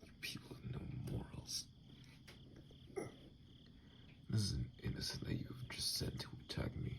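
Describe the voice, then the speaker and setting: A man voices a wounded vampire in an ASMR audio drama, bitter and full of self-loathing, speaking in a halting, brooding way. His gravelly, breathy delivery frequently falls close to a whisper, and the acting is light. He comes across as weak and wary.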